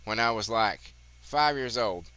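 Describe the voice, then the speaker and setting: Rambling and swearing through casual commentary with plenty of chatty asides, this fifties-aged gaming channel host talks around a cigarette that slightly muffles him. His lowish voice is bright, forceful, animated and unhurried, with no room sound.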